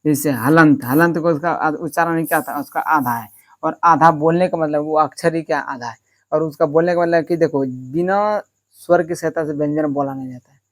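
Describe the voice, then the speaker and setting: A man teaching a lesson. He asks questions and answers them himself, keeps checking with his listeners, and stretches words out slowly to show how they are said. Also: a little high, a bit bright. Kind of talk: classroom-style lesson.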